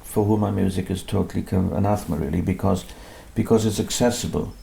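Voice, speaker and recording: A man with a low, gravelly, mellow voice keeps a steady tone and a quick pace. He's a composer being interviewed in his music room, talking modestly and hesitantly with many restarts in a relaxed, conversational interview.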